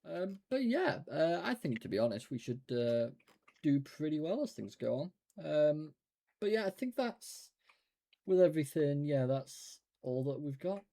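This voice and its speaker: A man's voice: a little high, animated, a little slow, dark tone. A man co-hosting a casual gaming podcast, reading out reviews with blunt, sweary, sarcastic asides. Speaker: podcast co-host.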